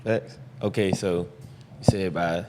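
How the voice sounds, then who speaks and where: A man hosting a podcast, asking rambling, relaxed questions with many fillers. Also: low-pitched, takes it slowly, slight background noise. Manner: laid-back, asks rambling questions with lots of fillers. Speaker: podcast host. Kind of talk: casual interview.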